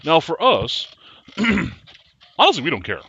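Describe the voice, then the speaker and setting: A man co-hosting a casual chat show, chatty and quick to laugh. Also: on the high side, gravelly, husky. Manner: laughs often, chatty and animated. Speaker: podcast co-host. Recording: dull lo-fi sound.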